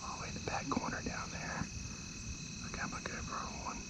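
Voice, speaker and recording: A man whispering a low-key running description outdoors as he watches wildlife on a hunt. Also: brisk. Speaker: hunter hosting a hunting vlog. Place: outdoors in the field while hunting.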